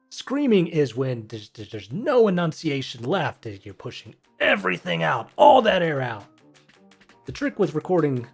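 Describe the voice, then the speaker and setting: A man in his thirties, a voice actor, explaining technique in a chatty, rambling way full of self-corrections. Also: mid-range voice. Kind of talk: casual instructional commentary.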